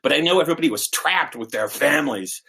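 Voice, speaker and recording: A man in his sixties, an animated storyteller who acts out characters with shifting voices, over a video call. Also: on the high side, fast, slightly rough. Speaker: storyteller and musician. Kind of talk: oral folk-tale storytelling.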